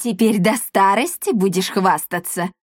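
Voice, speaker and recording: A woman's voice: medium pitch, unhurried, no room sound, studio quality, lightly acted. A woman voicing a grumpy old male iguana who runs an apothecary lab, grumbling and irritable, in a storybook reading.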